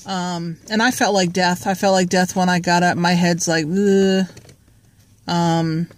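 A woman's voice: fairly low pitch, steady tone, unhurried, slight background noise. A woman, chatting in a rambling, joking way with lots of fillers, talking to her phone at arm's length in a parked car. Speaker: vlogger. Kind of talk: rambling casual vlog. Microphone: phone held at arm's length.

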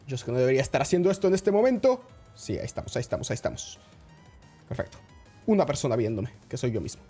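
Male gaming streamer, excitable and chatty, with a very animated, swinging pitch over faint background music. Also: racing, husky. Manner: excitable, chatty, greets the chat often. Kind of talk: live-streamed gameplay commentary.

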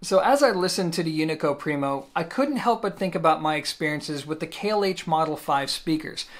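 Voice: mid-range voice, lively intonation, brisk, soft background music. A channel host narrating a scripted review of audio equipment in an upbeat, casual way, with jokey asides to the viewer.

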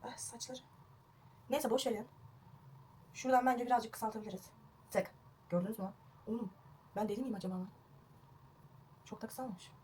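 A woman's voice: fairly high pitch, fairly even intonation, normal speed, pauses often, darkish tone, a little hiss or hum. A young woman vlogging a home haircut, chatty and self-mocking, recorded on a phone at home. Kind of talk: casual home haircut vlog. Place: at home indoors.

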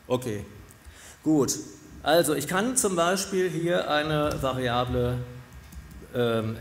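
Middle-aged man, developer giving a conference talk; relaxed, explanatory, filler-heavy; podium mic in a reverberant lecture hall with faint hiss. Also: mid-range voice. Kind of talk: conference talk with live coding demo. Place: large lecture hall with audience. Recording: echoey hall from a distance.

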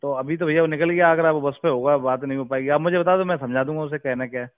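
On a tinny, narrow phone recording, a caller who heads a village in Uttar Pradesh, India, talks fast in a fairly high voice, casual yet deferential and asking many questions. No room sound is present.

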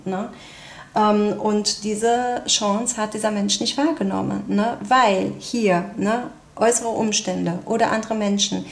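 A woman's voice: mid-range voice, reverberant. A woman giving a casual tarot card reading, talking chattily with many tag questions and fillers. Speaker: tarot reader.

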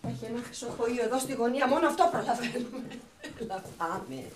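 A woman's voice: on the high side, noisy background, close to an everyday voice. An actress playing a bride-to-be who bickers with her fiancé as they rush to buy rings. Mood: hurried. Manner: hurried, bickering. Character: flustered bride rushing to buy wedding rings. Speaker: actor in a TV comedy series. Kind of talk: sitcom acting.

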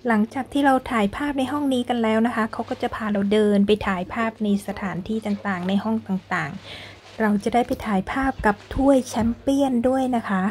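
Touring an indoor football stadium museum, a young vlog host and guide chats politely, often adding soft particles at the ends of sentences, and her English carries a Thai accent when she switches to it. She speaks fairly quickly in a higher-pitched voice, and there is a little hiss or hum on the recording.

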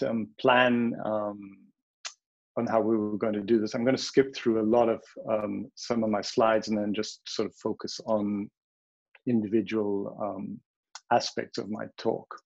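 A man giving a frank, opinionated conference talk over a video call, pausing often with ums. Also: on the low side, darkish tone, slightly rough, highs cut off. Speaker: panel speaker, wildlife health director. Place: home or office in the Bronx.

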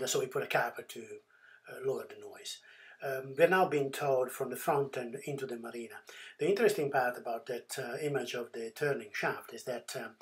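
Man narrating a boat refit, halting. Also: mid-range voice. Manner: halting, many fillers and restarts. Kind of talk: casual voice-over narration.

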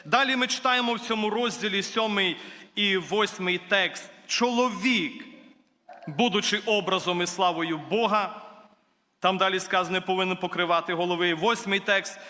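Speaking at a normal speed in a high, bright, forceful voice, a guest preacher addresses his brothers and sisters in a church hall. The sermon is earnest and rises to emphatic declarations, and the recording carries the hall's echo.

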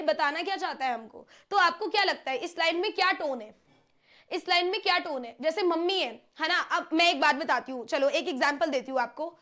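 A young woman with a high voice gives a casual online class. She talks in a chatty, coaxing way and keeps asking her students whether they follow. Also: fairly bright tone. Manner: chatty, coaxing, mixes Hindi with English. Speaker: teacher.

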